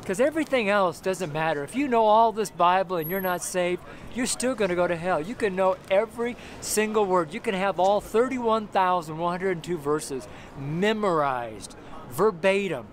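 A man's voice: high voice, animated, normal speed. A middle-aged man preaching an informal sermon to the camera on a city sidewalk, rambling and repeating himself with many fillers and restarts. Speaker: street preacher. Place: outdoors on a city sidewalk by a brick wall. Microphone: camera close up, handheld. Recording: noisy outdoor street recording. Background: street traffic noise.

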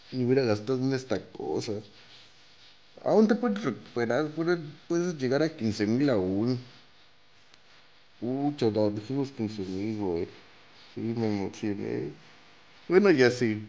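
Over a mobile game, a young man with a Mexican Spanish accent and a mid-range voice keeps up casual, excitable chatter. Nervous as he spends in-game currency, he yelps, groans and swears freely.

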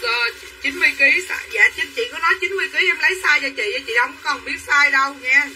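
Her voice sits high and sharp as she races through a repetitive sales pitch for clothes, addressing livestream buyers by name. This online seller is recorded from a distance on low-quality audio, slightly off-mic with faint room noise.

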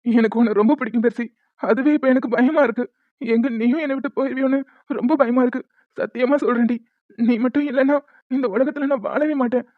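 A woman's voice: a little high, steady tone, quick pace, no echo, close to an everyday voice. A woman voicing a pleading young husband. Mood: pleading, tender. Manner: pleading and emotional to his wife, curt and strict at work. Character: lovestruck young husband, later a stern college head. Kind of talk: cartoon voice dubbing. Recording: thin phone-like dry sound.

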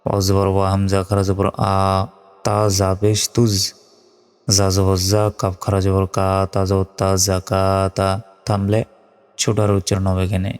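A man with a Bangladeshi accent, teaching Quran reading by spelling out letters and then chanting each verse slowly. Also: sits low, completely flat delivery, darkish tone, long reverb tail, soft background music. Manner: slow and deliberate, chanting verses.

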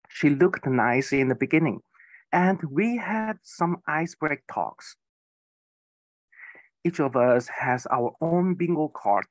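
Slow, careful man giving a keynote. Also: on the high side, no echo. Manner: slow, careful storytelling with occasional slips. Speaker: keynote speaker. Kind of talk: prepared speech.

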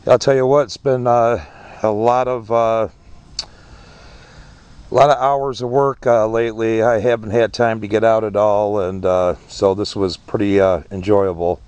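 Slow-talking, low-key man outdoors. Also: flat delivery, a little mellow, clear, resonant tone, no echo. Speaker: metal detecting hobbyist, vlogger. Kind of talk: casual vlog narration of finds. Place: outdoors, grassy ground by a parking lot. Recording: outdoor ambient noise, faint insects.

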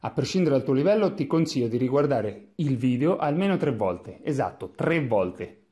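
A man from Italy giving a lively video lesson as an English teacher, demonstrating sounds and chuckling often. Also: mid-range voice, normal speed, slightly rough.

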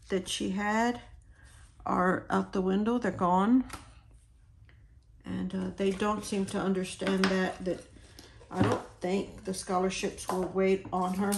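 A hoarse woman talking quietly, almost in a whisper, as she sorts stickers and decorates her planner, chatting casually as she goes. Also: medium pitch, slight background noise. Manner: quiet, near-whispered, talks while sorting stickers. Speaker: planner vlogger. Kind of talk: soft-spoken planner decorating chat.

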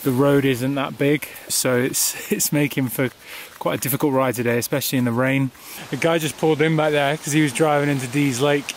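A tired young man, a touring cyclist, chatting casually to his camera outdoors by a highway and laughing often. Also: fairly even intonation, fairly quick, few pauses, slight background noise. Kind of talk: casual video diary.

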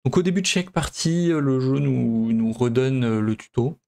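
Guy from france walking through a game, mid pitch, lots of ums and restarts. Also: moderate pace, vocal fry, warm tone. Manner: hesitant, many fillers and restarts. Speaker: gameplay video host. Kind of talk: casual let's play commentary.

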